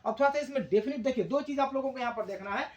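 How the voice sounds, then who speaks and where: A man teaching English grammar, explaining slowly in Hindi and repeating key words for his class. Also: very high voice, reverberant, highs cut off.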